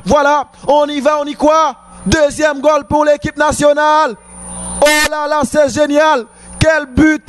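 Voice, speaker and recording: A man with a Haitian accent giving excited live football commentary on television, exclaiming and repeating himself. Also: extremely high pitch, measured pace, soft background music. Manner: exclamatory, repetitive.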